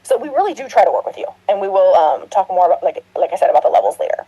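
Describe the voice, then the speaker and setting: A woman's voice: medium pitch, big pitch swings, racing, mellow, slightly rough, rough recording. A middle-aged woman nursing instructor giving a recorded orientation lecture, chatty and rambling, with laughs and restarts. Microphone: computer mic, screen recording.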